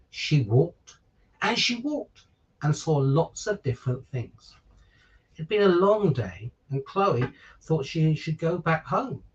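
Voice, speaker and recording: Standing in as a children's story reader, a man with a fairly high, fairly bright voice reads a picture book aloud, adding chatty asides and questions for his listeners. He is on a virtual call, away from the microphone, and the sound is lo-fi.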